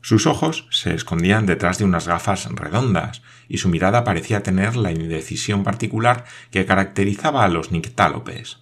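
Reading from a novel in a steady, scripted audiobook style, a man speaks in a very deep voice. His delivery stays measured and even throughout.

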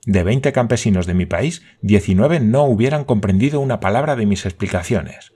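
A man voicing an eager, excitable scholar who asks question after question. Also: lowish voice, normal speed, husky.

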